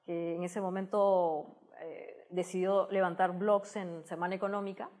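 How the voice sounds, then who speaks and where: Her pitch sits fairly low, her tone is level and darkish, and she takes her time. This woman, a science communicator being interviewed, speaks with a Peruvian Spanish accent, explaining things conversationally and frequently closing phrases with tag questions.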